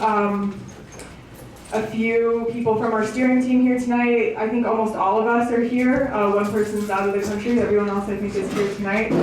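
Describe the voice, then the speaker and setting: A woman who directs an organisation welcomes people to a public meeting as its host, speaking in a halting, unscripted way with little pitch variation. Recorded on a distant mic in an echoey indoor venue, she sounds far off amid heavy reverb and faint background noise.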